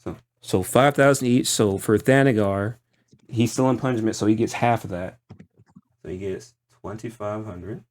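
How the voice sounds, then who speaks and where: A man working as game master, narrating a tabletop roleplaying game in a halting, piecemeal way. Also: fairly low pitch, darkish tone.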